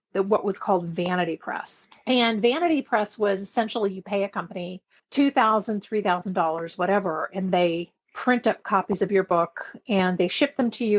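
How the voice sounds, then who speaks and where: A chatty middle-aged woman talks as a guest on a podcast, relaxed and easy to laugh. Her voice sits at a middling pitch for a woman. She lets her sentences fade off quietly at the ends. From Belgium. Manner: chatty, laughs easily, trails off softly at phrase ends. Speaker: podcast guest, book marketing expert. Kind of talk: casual interview chat.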